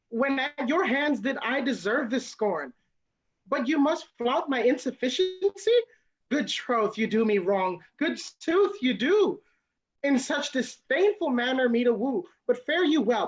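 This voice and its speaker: A woman's voice: high voice, dull audio. A woman playing a lovelorn, wounded young woman, pleading through Shakespeare's verse. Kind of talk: Shakespeare reading.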